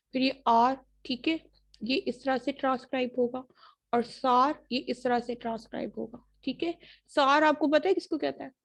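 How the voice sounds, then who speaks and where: A woman gives a university phonetics lesson, moving between Hindi-Urdu and English. Her voice sits fairly high, and she keeps checking in with students as she goes. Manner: mixes Hindi-Urdu and English, checks understanding with repeated "ठीक है". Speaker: university lecturer. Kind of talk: online phonetics lecture.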